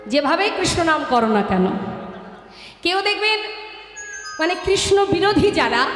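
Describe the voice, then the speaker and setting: A woman preaching at a live devotional kirtan program over a loudspeaker system, fervent, asking her listeners rhetorical questions and addressing them as mother. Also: very high voice. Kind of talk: devotional sermon between kirtan songs. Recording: echoey live hall with music.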